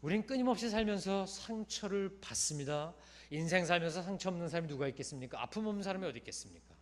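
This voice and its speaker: A man preaching a Sunday sermon as a pastor, telling a story in a colloquial, emphatic way that swings from loud stresses to soft, trailing phrase ends. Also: sits high, lively intonation, fast talker.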